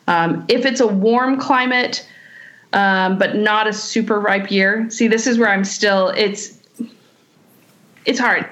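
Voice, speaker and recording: She takes her time, her medium-pitched voice a bit bright, as this sommelier from California fields questions in a casual interview. Her answers are thoughtful but peppered with fillers and restarts.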